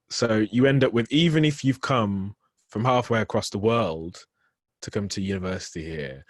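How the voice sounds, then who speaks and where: A man's voice: low-pitched, no echo, clean studio sound. A young man with a light Birmingham accent, chatting casually as a poet guest. He laughs often and talks loosely, with many restarts. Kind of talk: casual conversation.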